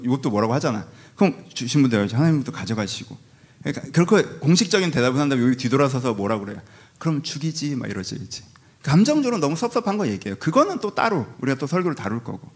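Animated, fast-talking male preacher. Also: mid-range voice. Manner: lively, conversational preaching with rhetorical questions and acted-out quotes. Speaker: pastor. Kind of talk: sermon.

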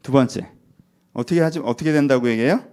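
A man's voice: medium pitch, quick pace, warm tone, clear, resonant tone. A man preaching a sermon in a casual, conversational way, acting out short asides. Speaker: pastor.

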